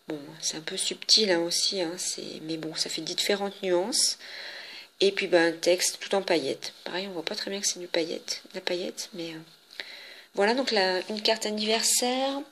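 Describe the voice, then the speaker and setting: A woman with a French accent casually shows her handmade cards, talking in a chatty, halting way with many fillers and restarts. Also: fairly low pitch, a bit bright, slight background noise. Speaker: papercraft vlogger.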